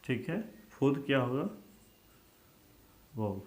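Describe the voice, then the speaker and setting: Slow-speaking man teaching in an echoey room. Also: medium pitch, lively intonation, a little mellow. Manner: drills pronunciation, asks students to repeat after him. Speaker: English teacher. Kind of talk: classroom grammar lesson.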